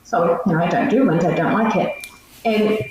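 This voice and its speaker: A woman's voice: lowish voice, normal speed, darkish tone. Echoey, distant New Zealand woman telling stories. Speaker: missionary guest. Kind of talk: informal personal storytelling. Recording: echoey, muffled, distant, faint noise.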